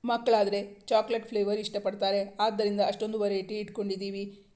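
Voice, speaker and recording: A woman narrating a romantic novel as an audiobook, calm and steady. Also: mid-range voice, fairly quick. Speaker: storyteller.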